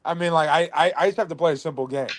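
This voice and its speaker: A man's voice: fairly high pitch, rapid-fire. A man calling into an online sports show, talking trash in a boastful, brash way with plenty of swearing. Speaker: guest player calling in. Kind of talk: trash-talking casual chat.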